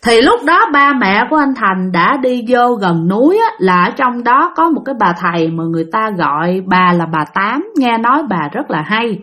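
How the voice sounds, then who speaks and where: Woman narrator, Southern Vietnamese accent, fairly high voice, chatty spooky-story telling. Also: very animated, fairly bright tone. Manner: chatty, drawn-out storytelling with many sentence-final particles.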